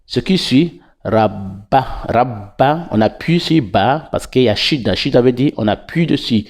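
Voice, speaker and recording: A man teaching Quran recitation in French, breaking each verse into syllables and repeating them patiently with drawn-out vowels. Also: medium pitch, animated. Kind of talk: slow syllable-by-syllable recitation lesson.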